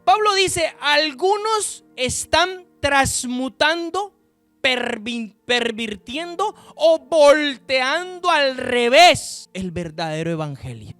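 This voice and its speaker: A man preaching a sermon, reading Bible verses slowly and with emphasis, and addressing the listeners directly. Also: fairly bright tone, dry recording. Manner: slow, emphatic scripture reading with sudden pitch rises and drops.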